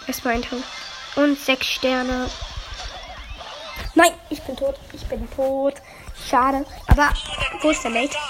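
A woman playing a video game with a friend, chatting casually and bursting into excited shouts. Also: high voice, takes it slowly, long pauses, low-quality recording. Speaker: gamer. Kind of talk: excited gaming commentary. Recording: game music behind.

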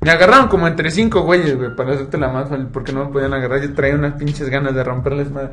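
A man's voice: medium pitch, fast, a bit bright. A young adult man with a Mexican accent telling a long, profane, slang-filled story in casual chat. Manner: slangy, profane, says "güey" constantly.

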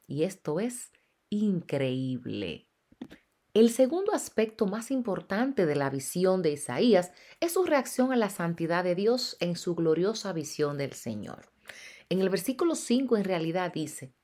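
Lively-voiced woman translating a sermon. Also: fairly low pitch. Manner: emphatic, preacherly delivery.

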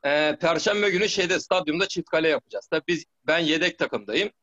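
A man's voice: fairly high pitch, brisk, bright, forceful tone, lo-fi sound. A middle-aged man, a former footballer, telling stories in a rambling way, with many restarts and "tamam mı?" checks. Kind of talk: casual storytelling interview.

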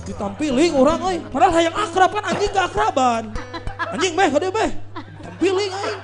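A Sundanese-accented man with a very high voice delivers comic stand-up talk, lecturing playfully and landing punchlines. Music plays faintly behind him on the live stage. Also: expressive, moderate pace. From West Java, Sunda. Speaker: comedic performer.

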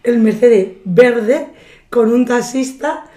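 A woman from tells travel stories in a casual chat, slipping into the voices of the people she quotes and swearing freely. Her voice is mellow and warm, and the echoey room adds a roomy ring to it. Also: a little high, slow pace. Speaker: podcast guest. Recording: roomy echo.

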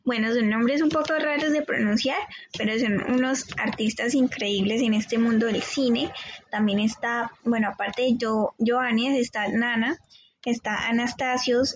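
A woman's voice: a little high, fairly even intonation, a little slow, a little hiss or hum. An enthusiastic woman co-hosting a show and recommending films informally. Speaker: co-host of a film show. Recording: dull, lo-fi audio.

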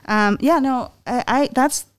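A woman from Myanmar in her twenties, a panel guest telling a personal story in an earnest, halting way with many restarts. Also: sits high.

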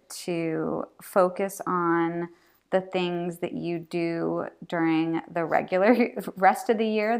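A middle-aged woman hosts a casual podcast on her own, recorded in a bathroom. Her voice sits a little low and she takes her time, speaking very slowly. She comes across as reassuring and encouraging. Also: gravelly. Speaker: podcast host. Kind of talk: casual solo podcast monologue.

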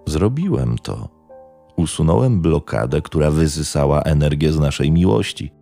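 A man voicing a calm, deluded male killer who speaks slowly and evenly. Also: rumbling low, vocal fry, faint music behind, heavily acted. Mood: eerily calm. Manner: slow, eerily calm.

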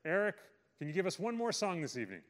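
High-voiced man hosting a live show. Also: big pitch swings, fast talker, a bit bright. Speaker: broadcast host. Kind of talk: presenting a live arts show.

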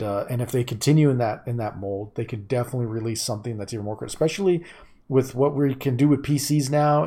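A man's voice: mid-range voice, dark tone, breathy edge. A man chatting about video games in an emphatic, opinionated way.

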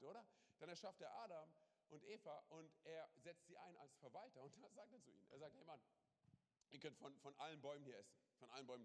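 Pastor, male, animated sermon delivery, quick talker, long hall reverb. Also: mid-range voice. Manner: animated, with dramatic swings from loud to hushed; mixes in English catchphrases. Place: large church hall.

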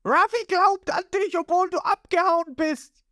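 A woman voicing a boastful, cowardly teenage boy pirate who talks in a shrill, whiny bluster. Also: steady tone, a little slow, dry recording, clean studio sound. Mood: scolding.

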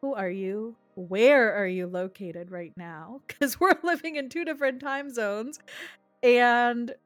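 Over soft background music in a dry recording, a woman with a fairly high voice speaks slowly. She's a podcast host, upbeat and inspiring, reading a scripted intro and then chatting casually with a guest.

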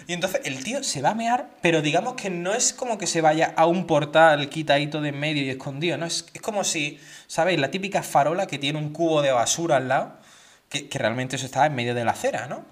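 Animated storytelling man, slightly high voice. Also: fast talker. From Spain. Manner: animated, acts out quoted voices. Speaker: podcast co-host. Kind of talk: casual storytelling chat.

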